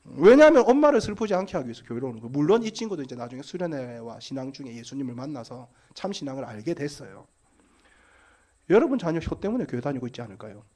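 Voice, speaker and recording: Fast, animated pastor. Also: male voice, mid-range voice. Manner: animated storytelling, acts out quoted voices. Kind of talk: sermon-style seminar for parents.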